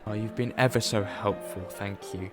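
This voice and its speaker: A man's voice: lowish voice, fairly even intonation, normal speed, natural voice. A man playing the Doctor, an eccentric time-traveller with a breezy, theatrical and playful way of talking. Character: eccentric male time-traveller, brisk and cheerful. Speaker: amateur detective at a party. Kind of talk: fan audio drama acting. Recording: music bed under the dialogue.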